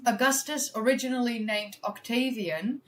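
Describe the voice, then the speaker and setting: A woman from the Netherlands, Dutch by birth, keeps up casual chatter on her live stream as she tackles a history quiz. Her voice is fairly high and a bit bright, at a moderate pace, and she reasons aloud, laughs often and teases herself.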